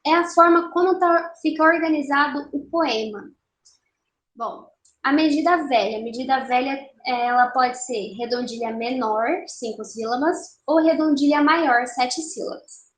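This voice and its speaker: A young woman teaching an online literature lesson, explaining patiently and slowing down to count syllables aloud. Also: sits high, slight background noise. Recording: roomy echo.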